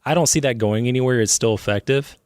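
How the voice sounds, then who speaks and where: A man interviewed as a guest on a radio show, relaxed and enthusiastic, filling his talk with "I mean". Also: mid-range voice, fast, dry recording, studio quality.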